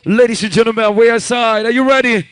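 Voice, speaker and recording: A Nigerian man MCs a live event in a very high-pitched voice, with music playing behind him. He hypes the room with punchy promo call-outs and short chants on the microphone. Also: fairly even intonation, quick pace, a bit bright, clear, resonant tone, dry recording. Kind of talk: live crowd hyping on a microphone at a radio station's event. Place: lounge event.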